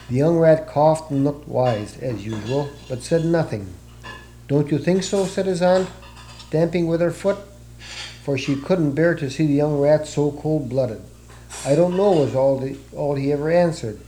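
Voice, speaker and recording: Mellow-voiced man reading a storybook. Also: fairly high pitch, slight background noise, poor audio.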